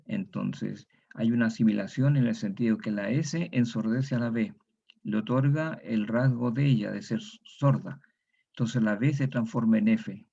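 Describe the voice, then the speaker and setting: A man's voice: lowish voice, vocal fry, mellow, slightly rough, highs cut off. A Chilean man giving a methodical lecture, repeating each example word and adding tag questions. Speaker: university lecturer. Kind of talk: recorded online lecture.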